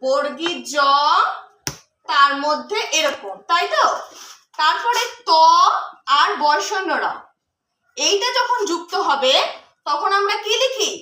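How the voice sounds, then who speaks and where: A woman teaches young pupils in a demo class, her voice pitched very high and sounding bright and clear. She explains letters patiently and keeps asking the class questions. The room around her is echoey. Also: animated, slow pace, long pauses. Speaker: primary school teacher giving a demo class. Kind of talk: teaching children Bengali conjunct letters.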